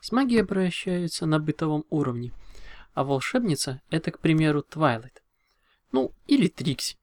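A man's voice: on the high side, big pitch swings, moderate pace, a little mellow, no room sound, clean studio sound. A man voicing a kind, eager young female unicorn in an audiobook. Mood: cheerful. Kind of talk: audiobook reading.

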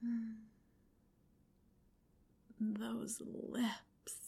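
A woman in a whispered ASMR roleplay, giving soft, commanding instructions in an intimate hush. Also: on the high side, completely flat delivery, extremely slow, vocal fry, slightly rough. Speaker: roleplay narrator.

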